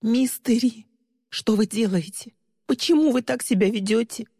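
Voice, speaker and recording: A woman's voice: a little slow, mellow, husky, no room sound, studio quality. Woman voicing a terrified, pleading young woman. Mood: frightened, pleading. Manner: high, strained and tearful, rising to shrieks.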